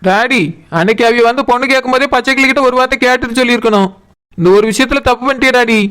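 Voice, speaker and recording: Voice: mid-range voice, racing, fairly bright tone, smooth, lightly acted. A performer voicing a bold young woman who sells fish and stands up for her sister, retorting with a Kanyakumari Tamil accent. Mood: coaxing. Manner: assertive, retorting. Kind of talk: cartoon voice acting.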